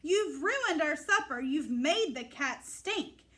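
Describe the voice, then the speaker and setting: A woman reader puts on an exasperated storybook parent scolding a child. The voice is high, sharp and commanding, with firm, clipped orders. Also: animated, slow, exaggerated voice. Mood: stern. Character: frazzled, stern mother and father scolding their child. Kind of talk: storybook character voice.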